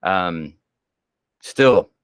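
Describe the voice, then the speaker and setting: A man's voice: deep voice, lively intonation, extremely slow, clear, resonant tone, no room sound, studio quality. A man hosting casual school homeroom news, chatty and joking, sleepy and yawning as he reads announcements.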